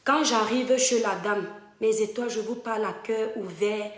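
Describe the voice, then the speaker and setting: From a room in her home, a woman from Cameroon tells her online followers a personal story, direct, emphatic and warm toward viewers. She speaks at a moderate pace in a fairly high voice, and the space adds a roomy echo.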